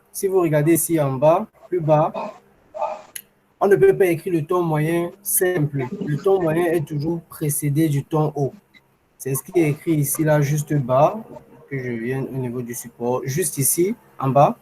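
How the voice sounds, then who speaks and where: Patient male teacher on a video call, slightly higher-pitched, explains step by step. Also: a little mellow, a little hiss or hum, rough recording. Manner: patient, repeats examples slowly. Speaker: language teacher. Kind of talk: online class explanation.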